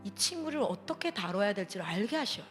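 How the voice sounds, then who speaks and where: A woman's voice: mid-range voice, fast, faint music behind. A woman missionary giving a church parenting seminar talk, telling stories in an emphatic, exclamatory way. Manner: emphatic, animated storytelling with frequent exclamations. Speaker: missionary speaker.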